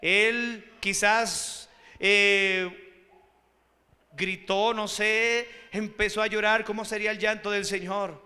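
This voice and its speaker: A man's voice: high-pitched, fairly even intonation, slow. A man preaching as pastor, pleading with his listeners in a church altar call. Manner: pleading, repeats appeals to come forward. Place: church sanctuary. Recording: reverberant church hall with music behind. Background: soft instrumental music.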